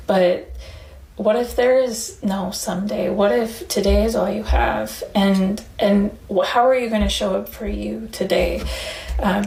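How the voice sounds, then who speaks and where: A woman's voice: mid-range voice, gravelly, darkish tone. A woman giving an earnest, encouraging tarot reading, with frequent fillers, recorded in an echoey room. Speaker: tarot reader. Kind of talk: pick-a-card tarot reading. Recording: echoey room, faint background hiss.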